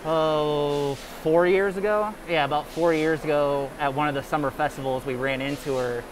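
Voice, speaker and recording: A young man chatting casually about beer in a large warehouse, relaxed, with lots of fillers. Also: fairly high pitch, normal speed. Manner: relaxed, talkative with many fillers. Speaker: brewery guest. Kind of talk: casual chat. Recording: noisy warehouse room.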